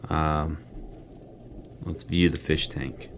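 Very deep-voiced man commenting on gameplay. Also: level tone, extremely slow, creaky, background noise. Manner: chatty, self-deprecating, thinking aloud. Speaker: mobile game reviewer. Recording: faint game music behind.

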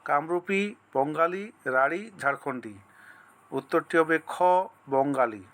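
A man with a fairly high voice teaches an exam-prep class. He reads each multiple-choice question, lists the options in turn, then states the right answer in a steady, methodical way. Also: moderate pace.

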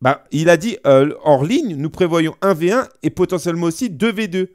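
A man's voice: a little high, expressive, normal speed, a little mellow, no room sound, clean studio sound. A man hosting a casual panel chat, searching for words with many hesitations. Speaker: host.

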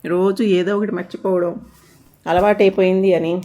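A woman narrating a scripted family story at a steady, even storytelling pace. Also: medium pitch, normal speed, lo-fi sound.

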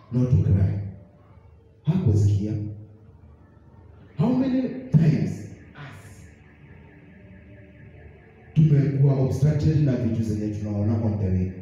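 A young man with a Kenyan accent preaches in a church, firing questions at his congregation. His voice is very dark and sits far from the mic. The broadcast sound is dull and full of church echo. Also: mid-range voice. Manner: mixes English and Swahili, asks the congregation questions. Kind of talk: sermon.

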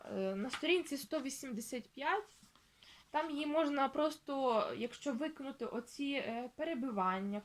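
A woman talks through her thoughts on a novel in a relaxed vlog. Her voice sits a bit high, and she wanders with fillers and restarts. When she quotes the book, she slows down and spells words out piece by piece. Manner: chatty, thinking aloud with many fillers and restarts; reads quoted passages aloud slowly, spelling words out. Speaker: book vlogger. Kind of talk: casual book vlog talk.

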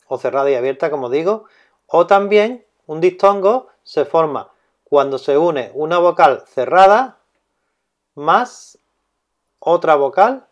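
A man explaining a grammar lesson as a teacher, speaking slowly and deliberately and repeating key terms. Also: a little high, dull audio.

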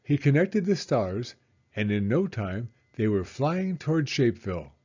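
Reading from a children's storybook, a male narrator speaks at a medium pitch with a slightly rough voice. He phrases things deliberately and expressively, and the recording sounds a little dull.

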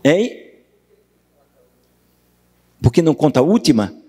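Brazilian male lecturer, fairly high animated voice, long auditorium reverb. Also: husky. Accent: Brazilian Portuguese. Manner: questions the audience, recites verse slowly. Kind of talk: university lecture on poetry. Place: university auditorium.

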